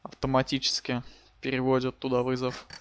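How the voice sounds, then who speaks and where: A man's voice: medium pitch, monotone, brisk, smooth. A man giving casual, slangy live commentary as he hosts a gaming stream. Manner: informal, colloquial, slangy. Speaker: live streamer hosting a wrestling game stream.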